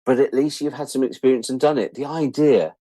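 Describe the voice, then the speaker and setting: An Englishman in his sixties, a writer and editor, tells anecdotes in a casual interview with a brisk, medium-pitched voice. He's an animated, self-deprecating storyteller who acts out what people said. There's no room sound.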